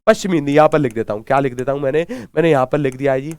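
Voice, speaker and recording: A man's voice: medium pitch, lively intonation, very fast, darkish tone, clear, resonant tone, no echo. A man teaching a live online Hindi exam class, asking questions and repeating answers, urging viewers to comment. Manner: drills answers with repeated questions and call-backs.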